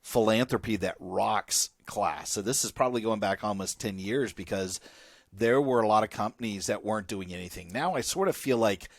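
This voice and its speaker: A man with a fairly low voice co-hosting a podcast in relaxed conversation. He talks casually with restarts and little asides, recorded dry and close. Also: normal speed, no echo. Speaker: podcast co-host.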